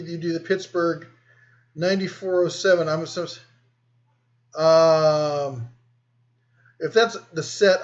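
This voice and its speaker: A man with a fairly high voice hosts a casual live stream, reading out viewer comments and answering them in a rambling, easygoing manner. The sound is lo-fi.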